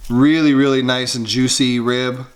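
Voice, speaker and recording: A man hosting a cooking show, giving a relaxed, folksy demonstration with many fillers, indoors in a kitchen. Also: mid-range voice, unhurried, reverberant.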